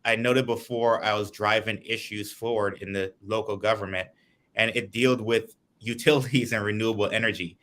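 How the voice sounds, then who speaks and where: A man's voice: lowish voice, steady tone, normal speed, a bit bright. A man from Guyana, a political candidate, giving earnest, lengthy answers in an interview over a video call.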